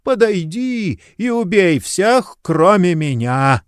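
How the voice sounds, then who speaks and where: Man playing an old grasping servant, eager, shrill at peaks; audiobook. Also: sing-song, slow pace, clear, resonant tone, no echo, clean studio sound, exaggerated voice.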